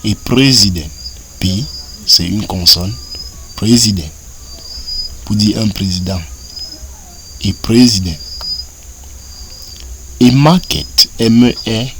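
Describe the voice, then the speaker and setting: A man with a Cameroonian French accent teaching English, repeating each word several times in a slow drilling cadence. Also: on the low side, fairly bright tone, slight background noise. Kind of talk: French-language vocabulary and grammar lesson.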